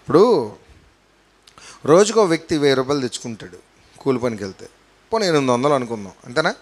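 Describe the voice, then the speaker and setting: A male pastor preaching a sermon with emphasis, swinging between loud and soft and putting rhetorical questions to the congregation. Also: mid-range voice, sing-song, quick pace, breathy edge.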